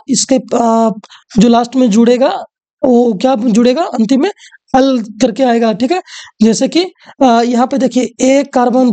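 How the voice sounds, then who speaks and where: A woman's voice: on the high side, warm tone. A woman teacher, walking through exam questions and often asking the students rhetorical questions.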